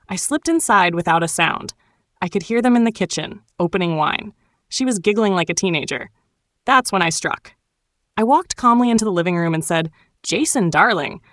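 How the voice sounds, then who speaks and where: Female storytime narrator, slightly low pitch, cool and sharp-tongued, dramatic first-person delivery. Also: no room sound, clean studio sound.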